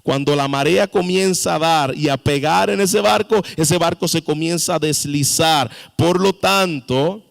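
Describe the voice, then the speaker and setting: A man's voice: fairly high pitch, unhurried, vocal fry, few pauses. A man preaching a sermon as pastor, with sudden emphatic rises and questions to the congregation. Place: church sanctuary. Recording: long reverb of a church hall.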